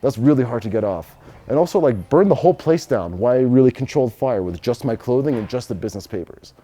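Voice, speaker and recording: A man in his twenties from Los Angeles, a business owner with an American accent, answers interview questions casually. His speech is blunt and slangy with some swearing, delivered fast and expressively in a medium-pitched voice with a dark tone.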